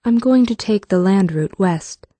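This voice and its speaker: A man's voice: high-pitched, lively intonation, measured pace, warm tone, no room sound, pitched above the performer's own voice. A man voicing a blunt, determined young woman warrior in an audiobook, speaking earnestly and directly. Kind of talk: audiobook character voice.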